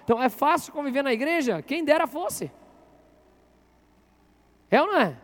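A male pastor with a very high-pitched voice delivers a sermon in church. He talks with the crowd, asking questions and telling them to turn to the person beside them. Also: very animated, moderate pace. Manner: interactive, asks the congregation questions.

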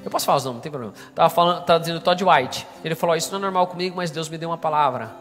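Fast-talking Brazilian pastor in reverberant hall. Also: male voice, a little high. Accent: Brazilian Portuguese. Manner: animated storytelling, acting out quoted voices. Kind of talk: sermon with storytelling. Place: church hall during a service. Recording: reverberant church hall with music.

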